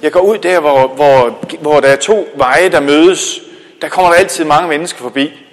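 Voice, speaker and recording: A man's voice: on the high side, natural voice. A man voicing a blind young male beggar who is weary and hopeful, musing aloud in a plain storytelling voice, recorded with the long reverb of a church.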